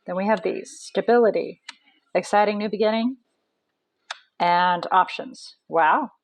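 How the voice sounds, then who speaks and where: A woman's voice: mid-range voice, measured pace, dry recording, rough recording. A woman reading tarot cards aloud in a casual, chatty way, thinking aloud with many ums and restarts. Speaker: tarot reader.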